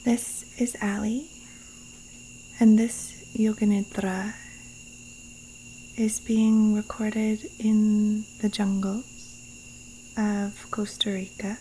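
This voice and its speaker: Out in a Costa Rican jungle, a woman leads a yoga nidra guided meditation, her voice hushed, breathy and soothing, with long pauses. She speaks at a medium pitch in a level tone. The rough recording picks up faint rainforest insects, crickets and other wildlife sounds.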